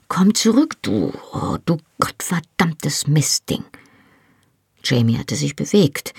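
An audiobook narrator reading a first-person novel in a lively, expressive way. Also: mid-range voice, creaky, breathy edge, no room sound, clean studio sound.

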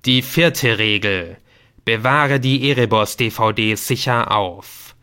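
Guy doing a spooky game talking to the player, slow and loud, laying down the rules. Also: medium pitch, clear, resonant tone. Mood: solemn commanding. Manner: slow, loud, solemn pronouncements. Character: commanding voice of a mysterious computer game.

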